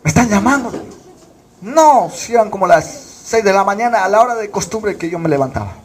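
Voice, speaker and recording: A man from Bolivia preaches a fervent sermon, his voice sitting high for a man. He keeps asking the congregation questions and answering them himself. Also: big pitch swings, brisk. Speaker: pastor.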